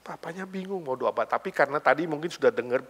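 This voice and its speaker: A man's voice: on the high side, expressive, fast, a bit bright, breathy edge. A man from Indonesia preaching a sermon as a pastor, telling stories and acting out the characters with bits of English and casual slang. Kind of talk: sermon with anecdotal storytelling.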